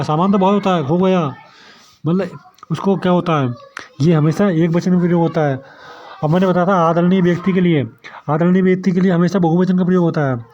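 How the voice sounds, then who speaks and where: A man teaching a grammar lesson for exam preparation, who keeps asking questions and answering them himself. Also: on the high side. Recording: dull lo-fi sound.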